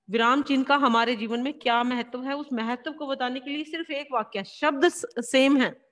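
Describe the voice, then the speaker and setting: A woman teacher giving a classroom lesson, explaining slowly and answering her own questions. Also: sits high, a bit bright, in a large hall. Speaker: school teacher.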